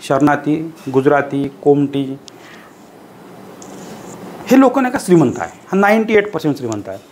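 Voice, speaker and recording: A man giving a motivational lecture to a live audience, firing rhetorical questions and hammering points home through repetition. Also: a little high. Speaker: teacher giving a motivational talk.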